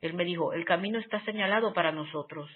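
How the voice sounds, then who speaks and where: A narrator reading a spiritual diary aloud in a measured, solemn, devotional way with long pauses. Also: mid-range voice, breathy edge. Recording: tinny phone-like sound.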